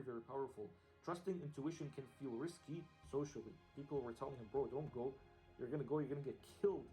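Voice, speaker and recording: A man's voice: fairly high pitch, darkish tone, poor audio. A young man from Iraq giving an earnest, casual motivational religious talk, repeating phrases for emphasis. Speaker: Islamic speaker. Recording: faint music behind.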